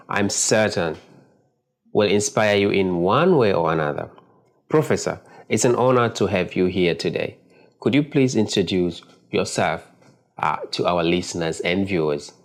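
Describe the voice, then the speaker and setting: A man's voice: sits low, animated, normal speed. A man hosting a podcast interview, speaking in a formal, courteous way. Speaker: podcast host.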